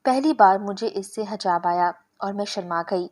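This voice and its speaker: Female storyteller, scripted first-person narration, steady and measured delivery. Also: mid-range voice.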